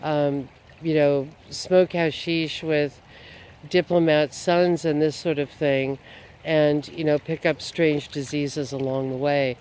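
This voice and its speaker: Rambling outdoor vlogger, a man with a high voice, faint boats and water behind. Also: level tone, slow pace, a little mellow, slight background noise. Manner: meandering, full of "you know" and "um". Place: outdoors by a river.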